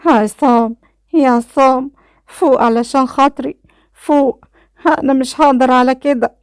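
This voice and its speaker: A woman voicing a frightened young woman with an Egyptian accent who pleads in a high, loud voice. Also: steady tone, moderate pace, clear, resonant tone, no echo, clean studio sound. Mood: pleading. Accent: Egyptian Arabic.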